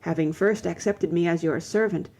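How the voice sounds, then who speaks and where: A woman's voice: fairly low pitch, normal speed, a little mellow. A woman voicing a devoted, humble young Spanish man, speaking earnestly and tenderly in a storybook reading.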